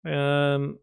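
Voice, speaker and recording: His voice leans high and gravelly, recorded with a clean tone. He's a Liverpool game development streamer in his thirties with a Scouse accent, casually answering viewer comments he reads aloud on a live stream, with restarts and fillers.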